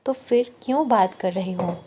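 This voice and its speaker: Storybook role: angry young wife, sharp and irritated, read by a woman. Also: mid-range voice, normal speed, slightly rough, lightly acted.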